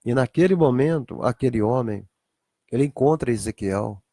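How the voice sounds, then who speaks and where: A man's voice: mid-range voice, animated, moderate pace, mellow, dry recording, studio quality. A man preaching a dramatic livestreamed sermon, acting out biblical scenes as he goes. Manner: theatrical, acts out biblical scenes. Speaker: pastor.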